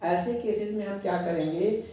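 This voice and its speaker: High-voiced Indian teacher in an echoey room. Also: male voice, normal speed, mellow. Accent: Indian English. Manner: explains step by step, repeats points, mixes Hindi and English. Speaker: English teacher. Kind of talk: classroom lesson. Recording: echoey room, distant mic.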